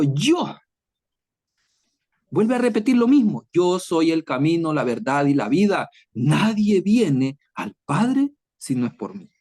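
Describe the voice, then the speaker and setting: In a high, slightly mellow voice, a man gives a conversational online Bible lesson to a chat audience. He acts out exchanges with Jesus and with scripture.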